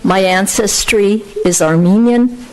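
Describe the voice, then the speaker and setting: An older woman reading a prepared statement aloud at a city council meeting, formal and measured. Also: medium pitch, slight background noise, rough recording. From France. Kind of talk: prepared speech read aloud. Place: council chamber, indoors. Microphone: podium microphone.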